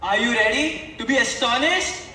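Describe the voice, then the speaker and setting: A man's voice: very high-pitched, moderate pace, pushed and bright, a little hiss or hum, exaggerated voice. A male student playing a theatrical, sentimental aging nobleman in a school stage play. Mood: grand. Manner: grand, sentimental declaiming. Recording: echoey hall from far off.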